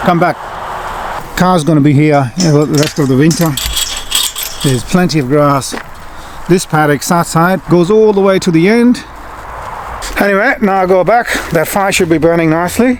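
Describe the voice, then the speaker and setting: Man, high-pitched voice, casual farm vlog chat, short calls to animals, noisy outdoor recording. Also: moderate pace, long pauses. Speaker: farm vlogger.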